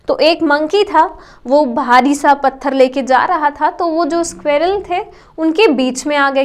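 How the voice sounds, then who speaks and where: A woman teacher, explaining a story lesson and stopping to give the meanings of words. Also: high-pitched. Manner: explains word meanings, mixes English with Hindi.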